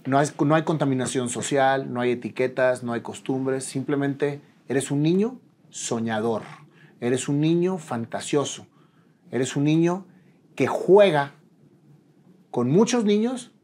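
A man's voice: medium pitch, unhurried, a little hiss or hum. A man in his forties with a Mexican Spanish accent, hosting an interview in a casual, friendly way with slangy asides. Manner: warm, casual slang, addresses guest as friend. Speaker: interview host. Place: dim studio set with dark curtains.

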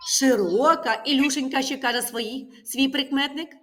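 A woman's voice: high-pitched, moderate pace, fairly bright tone. A woman teaching a primary school class, patiently asking questions and repeating the pupils' answers back to them. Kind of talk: classroom lesson.

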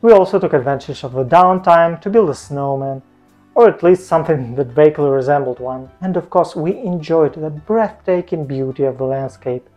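A man's voice: a little high, normal speed, darkish tone, soft background music. Playful man vlogging with a lapel mic. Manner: playful, jokey asides. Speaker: travel vlogger. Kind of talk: scripted travel vlog narration. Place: home room, indoors.

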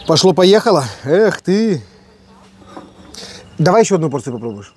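A man's voice: on the high side, very animated, moderate pace, a little mellow. A man with an Odesa Russian accent, chatting casually and playfully in colloquial slang as he hosts a home cooking vlog. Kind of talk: casual banter while cooking. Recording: outdoor ambience with birdsong, background noise. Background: birds chirping.

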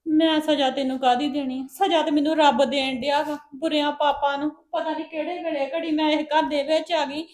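A woman's voice: high voice, little pitch movement, a little fast, few pauses, a little mellow. A woman with a Punjabi accent, acting a mother in a family drama, hurt and reproachful.

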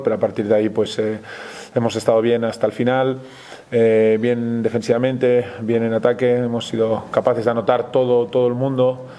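A basketball coach with a Spanish accent speaks at a post-game press conference, pausing often and restarting his sentences. His voice stays even and flat, with a dark, mellow tone. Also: medium pitch. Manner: measured, frequent hesitations and restarts.

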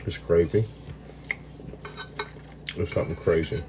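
Deep-voiced and steady, speaking a little slowly, this man cooks and eats on a live stream, bantering playfully with his viewers and humming between bites. Background noise includes clattering dishes, cutlery, pots and pans.

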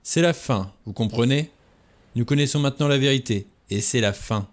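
A man's voice: mid-range voice, moderate pace, a little mellow, lightly acted. A man reading a novel aloud, voicing a menacing, mocking adventurer in a raised, snarling voice. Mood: sneering.

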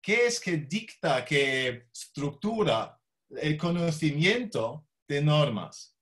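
A man who is not a native Spanish speaker gives an academic talk with a foreign accent, halting and often searching for words. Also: on the high side, expressive, a bit bright. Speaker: law professor, visiting lecturer.

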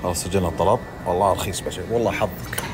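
A young man, bantering loudly and teasingly in a comedy skit, swearing oaths as he goes. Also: low-pitched, rapid-fire, background noise.

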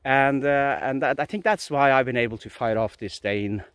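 A man's voice: mid-range voice, moderate pace, fairly bright tone, clear, resonant tone, no room sound, poor audio. A Norwegian man in his forties with a Norwegian accent, talking earnestly into a phone held at arm's length in a pine forest, with frequent restarts. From Norway. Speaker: vlogger. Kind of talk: casual philosophical monologue.

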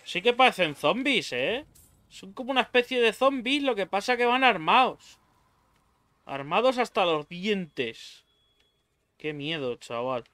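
A man's voice: sits high, very animated, measured pace, sharp tone, no room sound. A young man with a Spain Spanish accent doing let's play commentary on a horror game, swearing freely and yelping in fright. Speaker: gaming YouTuber.

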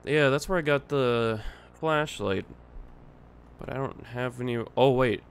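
A man's voice: mid-range voice, measured pace, vocal fry, a little hiss or hum. A man casually commenting while playing a horror game, thinking aloud and puzzled at times. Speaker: gaming streamer. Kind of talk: casual let's-play commentary. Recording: game music playing loud behind.

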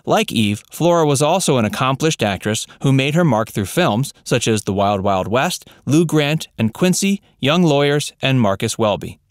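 A man narrating a scripted voice-over, reading facts in an even, read-out way. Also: mid-range voice, normal speed, hardly any pauses, no echo, studio quality.

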